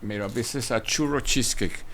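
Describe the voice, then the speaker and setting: A cafe owner from Mexico, talking in a hesitant way with many fillers and restarts in a casual interview. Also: male voice, mid-range voice, fairly quick, a bit bright, a little hiss or hum.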